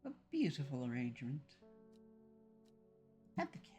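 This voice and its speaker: Lively, expressive game streamer over soft music. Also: medium pitch, moderate pace. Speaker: livestreamer. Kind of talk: casual game commentary, reading game text aloud.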